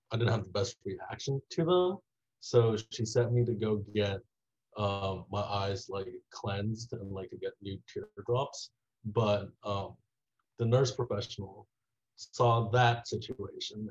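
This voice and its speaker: A young man from Taiwan, a student being interviewed, telling a rambling story full of "like" fillers that trails off quietly. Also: fairly low pitch, measured pace. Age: young adult. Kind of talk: casual interview. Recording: dull lo-fi audio.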